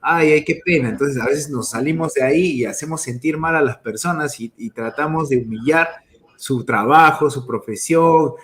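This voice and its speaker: A network marketing speaker with a medium-pitched, slightly bright voice gives a motivational talk about emotions in business at normal speed. He tells stories and ends his phrases with a questioning "¿no?".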